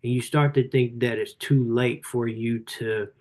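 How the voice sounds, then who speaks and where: A man in his forties talks to a live audience about his book at an even, middling pitch. His delivery is casual and earnest, encouraging listeners with lots of "you know" and "um". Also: measured pace. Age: 40s. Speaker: author and life coach hosting a live book review. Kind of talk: motivational talk on a livestream.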